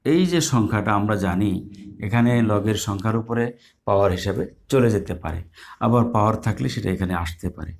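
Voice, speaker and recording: Male math tutor, low gravelly voice, patient step-by-step explainer. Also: fairly quick, darkish tone. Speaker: math teacher. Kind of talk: live online math lesson.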